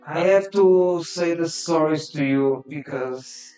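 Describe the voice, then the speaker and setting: A man voicing a frail old male grand mage who speaks in a calm, simple, measured way. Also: on the high side, reverberant, soft background music, pitched above the performer's own voice, low-quality recording.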